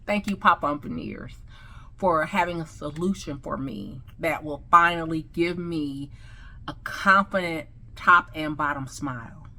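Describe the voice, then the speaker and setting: Bright-voiced woman with a slight lisp. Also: deep voice, a little slow. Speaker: customer sharing her experience. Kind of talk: casual selfie vlog.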